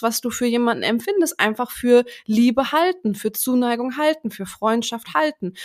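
A woman who works as a coach, talking earnestly in a casual podcast conversation and explaining ideas directly to the listener. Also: fairly high pitch.

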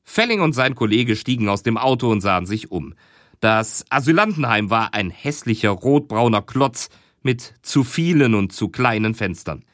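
A man with a medium-pitched voice narrates a crime audiobook in a measured, expressive storytelling style. The scripted narration is studio quality with no room sound.

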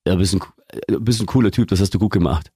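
A man's voice: deep voice, fast talker, warm tone, breathy edge, no room sound, studio quality. A man hosting a podcast, chatting casually and trailing off with fillers. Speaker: podcast host. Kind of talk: casual chat.

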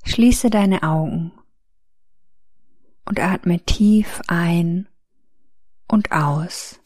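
A woman narrating a guided meditation in a soft, soothing, gentle voice with long pauses. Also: fairly low pitch, dry recording, studio quality.

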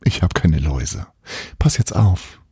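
A man reading a storybook, voicing a cheeky, playful boy who guides with breezy teasing and calm reassurance. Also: deep voice, a little slow, breathy edge, no room sound, whispered, studio quality, heavily acted.

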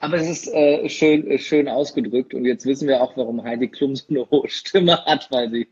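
A man interviewing a guest, asking questions hesitantly, with a husky voice. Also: medium pitch, normal speed, lo-fi sound. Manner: hesitant, many fillers and restarts. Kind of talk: interview conversation.

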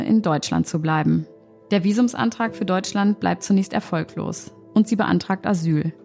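A woman asking interview questions in a clear, measured way and reading scripted narration. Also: medium pitch, darkish tone.

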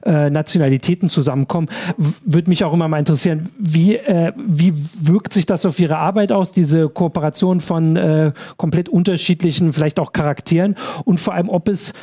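Male livestream host; warm tone, slightly high pitch, loose rambling delivery. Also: a little fast, hardly any pauses, breathy edge. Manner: rambling questions with fillers. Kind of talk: live interview hosting.

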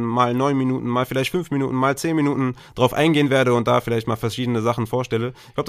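A man's voice: medium pitch, fairly bright tone. A man co-hosting a podcast, talking loosely and colloquially with many fillers and restarts. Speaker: podcast co-host. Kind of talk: casual podcast chat.

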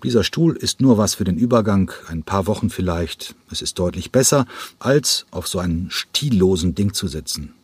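Brief: man playing a driven ballet director in an audiobook; emphatic, impatient, a touch raised and husky. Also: deep voice, expressive, normal speed, dry recording. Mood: playful, explaining. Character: driven male ballet director, urgent and persuasive. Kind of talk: audiobook reading.

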